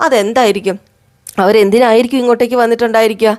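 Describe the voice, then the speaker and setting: A woman's voice: a little high, fairly even intonation, rapid-fire, a little mellow, lightly acted. A woman voicing a restless, curious young man who keeps pestering his family with fretful questions in a soap-opera recap.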